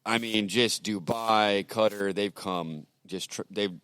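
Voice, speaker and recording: A man's voice: lowish voice, fairly even intonation, slow pace, fairly bright tone, smooth, no room sound. A man from Texas hosting a casual conversation, talking loosely with plenty of "you know" and "like". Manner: loose, filler-heavy talk full of "you know" and "like".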